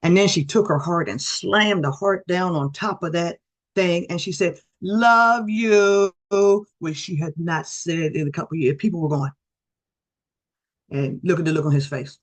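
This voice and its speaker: Animated middle-aged woman telling stories. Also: deep voice, moderate pace, breathy edge. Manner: animated, acts out quoted voices. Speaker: guest speaker. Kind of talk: storytelling presentation. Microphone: video call.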